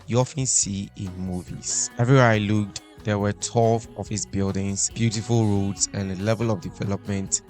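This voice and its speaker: A man's voice: lowish voice, steady tone, normal speed, few pauses, a little mellow. A man with a Ghanaian accent giving scripted travel narration as a vlogger. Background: faint music.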